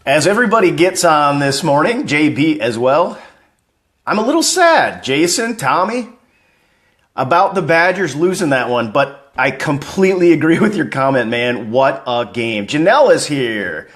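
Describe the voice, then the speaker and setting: Male sports-fan streamer, slightly higher voice, animated and chatty, reading chat comments live. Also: moderate pace. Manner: upbeat, chatty, greeting viewers by name.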